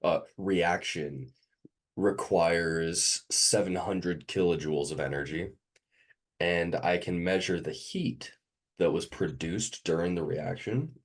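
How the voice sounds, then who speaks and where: A man's voice: low-pitched, slow pace. A sick, sniffly man tutoring a student one on one, hesitant with many ums as he quizzes them.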